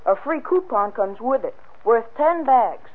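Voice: medium pitch, animated, unhurried. A performer playing an eager, wholesome all-American boy, gushing through an old radio advertisement. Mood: excited. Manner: gushing, boyish exclamations. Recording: tinny vintage radio recording.

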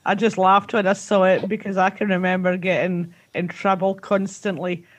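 A woman's voice: mid-range voice, flat delivery, moderate pace. A woman with a Scottish Borders accent chatting playfully on a radio show, often laughing. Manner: giggly, playful. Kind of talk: casual radio chat.

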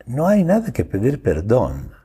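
A man's voice: mid-range voice, huge pitch swings, measured pace, warm tone, husky. A man hosting an advice show, answering a listener's message in a casual, blunt way, with slang and swearing. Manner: reads out the listener's words and then comments.

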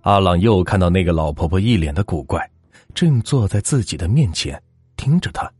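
A man's voice: low voice, expressive, normal speed, darkish tone, breathy edge, no echo, soft background music. A man narrating a ghost story in a dramatic, suspenseful way.

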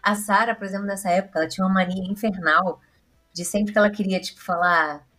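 A woman's voice: mid-range voice, fairly even intonation, fast, fairly bright tone, faint music behind. A woman with a Brazilian Portuguese accent hosting a podcast, chatty and rambling in casual conversation. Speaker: podcast host.

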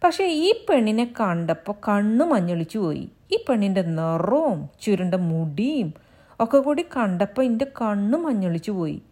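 Blustering village husband, voiced by a woman, loud threats, soft heart, storybook reading. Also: mid-range voice, very animated, a little slow, pitched above the performer's own voice. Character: gruff rural husband, blustering but tender man.

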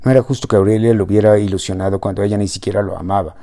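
A male narrator reads an audiobook with wry, even pacing. His voice is fairly low and dark, with a relaxed, mellow warmth. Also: very fast, vocal fry.

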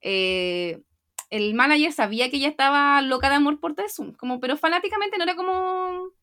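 A young Chilean woman chatting casually as a podcast co-host, retelling scenes with lively acted-out quotes. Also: high-pitched, a little fast. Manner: animated storytelling, acting out quotes. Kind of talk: casual chat.

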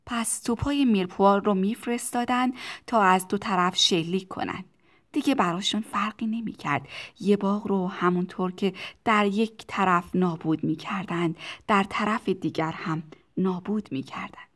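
A woman narrating a children's audiobook in a calm, even storytelling voice. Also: medium pitch.

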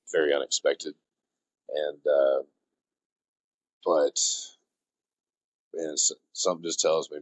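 A man's voice: extremely low pitch, no room sound, lo-fi sound. A man co-hosting a sports podcast, making his picks in a casual, hesitant way, with many restarts. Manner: hesitant, repeats himself, sarcastic asides. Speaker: podcast co-host.

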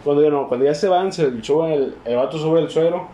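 A man's voice: on the high side, a little fast, warm tone. A man telling a story in casual chat, slangy and joking. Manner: slangy, joking, laughs a lot. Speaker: podcast co-host. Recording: roomy room with faint noise.

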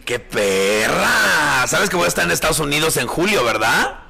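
A man's voice: fairly high pitch, lively intonation, fast, creaky, bright, forceful tone, husky. A man hosting a live call-in show as a drag performer, campy, affectionate and swearing freely.

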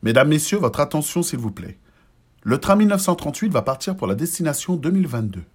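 A performer voicing a train station announcer calling a departure over a station PA loudspeaker, in a formal public-announcement style. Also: medium pitch, big pitch swings, fast talker, breathy edge.

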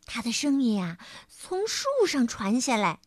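A woman storyteller reading a children's story aloud, expressive and slow. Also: a little high, no echo, studio quality.

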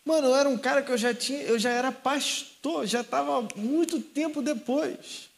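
Speaking at a moderate pace, this young male youth pastor has a very high-pitched, gravelly voice and a Rio de Janeiro Portuguese accent. He recounts a personal story in his sermon and performs the conversations in it.

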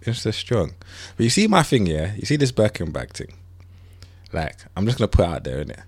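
Man, London roadman accent, low voice, playful slangy banter, animated delivery, close dry sound. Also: a little fast, husky, dry recording. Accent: London, urban roadman slang style. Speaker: podcast co-host. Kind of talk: casual banter chat.

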